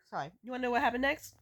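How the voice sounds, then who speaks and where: A woman with a cold and congested nose chats casually, telling stories in an animated, dramatic, sweary way. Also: medium pitch. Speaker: vlogger. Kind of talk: casual rambling storytime chat.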